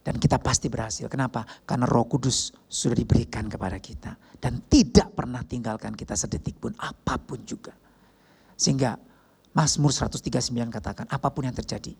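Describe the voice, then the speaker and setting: A male pastor preaching a lively sermon with English phrases mixed in. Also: mid-range voice, vocal fry, husky.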